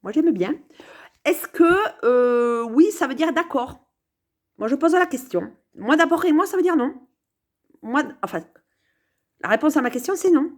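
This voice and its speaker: Playful rambling woman, lively high voice. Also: a little slow, pauses often. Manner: playful, meandering, full of hesitations and repeated words. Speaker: vlogger. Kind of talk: rambling casual musing to camera. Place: on her sofa at home.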